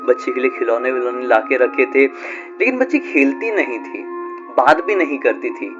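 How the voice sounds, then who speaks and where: A man's voice: medium pitch, lively intonation, moderate pace, muffled recording, music in the background. A man telling a horror story in a casual, chatty way, full of fillers. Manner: chatty, conversational, with frequent fillers.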